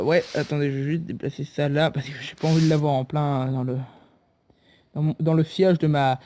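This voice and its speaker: Rambling young man with a high voice. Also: warm tone. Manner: rambling, self-mocking, joking. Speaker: YouTuber reviewing a mobile game. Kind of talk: casual game review vlog.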